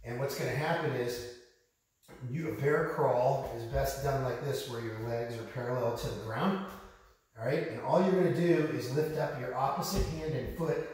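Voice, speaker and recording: A man talks casually through exercises like a coach addressing families at home. His voice is medium in pitch and sits away from the microphone. The empty room throws a big, hollow echo around his informal, encouraging instruction. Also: moderate pace, darkish tone. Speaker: fitness coach, video host. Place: bare unfurnished room at home during floor work. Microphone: camera mic from a distance. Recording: big echoey empty-room sound, distant mic.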